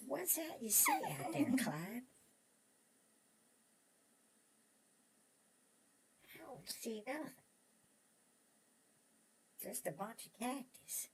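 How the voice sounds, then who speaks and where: Rambling old prospector, gravelly Old West drawl, excitable and folksy, repeats himself, Western drama, ambient noise behind. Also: male voice, very high-pitched, takes it slowly, exaggerated voice. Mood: puzzled, folksy. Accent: American Old West drawl. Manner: rambling, stammering, repeats words, chuckling old prospector talk. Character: excitable old male prospector, newly rich, chatty. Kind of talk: Western audio drama acting.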